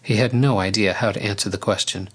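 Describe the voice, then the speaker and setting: Calm man reading a story, lowish voice. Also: fairly quick, slightly rough. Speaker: narrator. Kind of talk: storybook narration.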